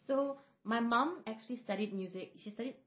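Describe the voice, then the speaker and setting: A woman's voice: fairly high pitch, a little fast. Reflective woman in a roomy recording. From Singapore. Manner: reflective, storytelling, frequent fillers. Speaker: vocal coach and singer, podcast guest. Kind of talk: casual podcast conversation. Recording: roomy, slightly dull podcast audio.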